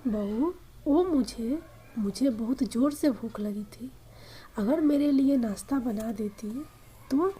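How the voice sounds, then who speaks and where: A woman voicing a gentle, trusting elderly mother who speaks softly and pleads. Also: on the high side, slow, breathy edge.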